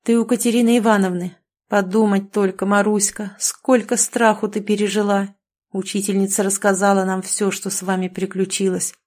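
A blunt, remorseful village father talks plainly and ruefully, read out by a woman. The voice is mellow and soft-edged, with no sharpness, in the manner of a storybook. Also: medium pitch, flat delivery, normal speed, lightly acted. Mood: reassuring.

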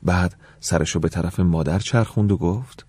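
Deep, dark-voiced male narrator. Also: slightly rough, no echo. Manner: calm, measured, with dips to a soft whisper. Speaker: audiobook narrator. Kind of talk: scripted first-person narration.

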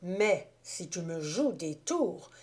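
A woman voicing a bold adventurous man who gives gruff, mocking orders in an audiobook. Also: on the low side, very animated, slow pace, darkish tone. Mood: menacing.

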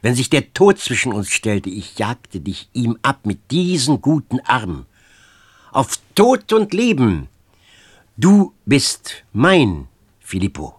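A man's voice: mid-range voice, sing-song, unhurried, hardly any pauses, husky, heavily acted. A man doing a desperate young woman, Fenice. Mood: defiant. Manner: pleading, rising into loud outbursts. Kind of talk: audiobook reading.

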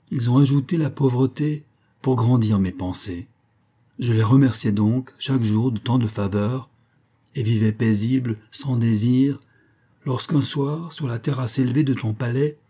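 Young male poet, bold and cunning, impassioned pleas, dark husky tone; a man reads the part. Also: mid-range voice, lightly acted. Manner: impassioned and defiant pleading. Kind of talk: audiobook reading.

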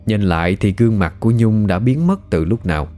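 A man, narrating a ghost story in a steady, measured way. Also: fairly low pitch, faint music behind.

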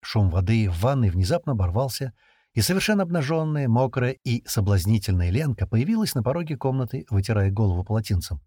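A man narrating a novel in an expressive, scripted reading. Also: medium pitch, quick pace, breathy edge, dry recording, clean studio sound. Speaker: audiobook narrator.

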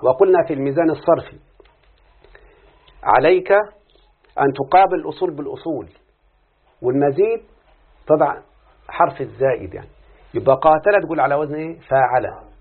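A man with an Egyptian accent teaching a grammar lesson, quizzing students and repeating word patterns slowly. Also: fairly high pitch, expressive, breathy edge. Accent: Egyptian Arabic. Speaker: teacher of Arabic morphology. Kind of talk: classroom lesson with student responses. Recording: tinny phone-like lo-fi recording.

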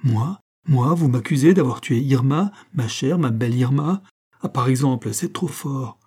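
A man's voice: mid-range voice, normal speed, darkish tone, husky, close to an everyday voice. A man voicing a desperate young ex-convict who pleads his innocence in a frantic, protesting way. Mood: pleading.

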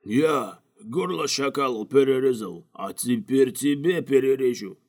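A man voicing an unflappable hungover male guide who speaks slowly and calmly. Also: medium pitch, pitched above the performer's own voice, lightly acted. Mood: cool. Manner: slow, drawling and calm.

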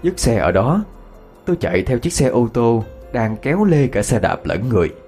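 A man narrating a ghost story in a dramatic, expressive reading. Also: medium pitch, moderate pace, soft background music.

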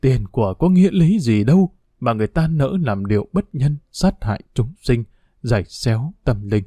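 A man voicing a grieving elderly monk and bereaved father who speaks with a slow, solemn preaching cadence. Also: medium pitch, animated, mellow, husky, no echo, clean studio sound. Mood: anguished.

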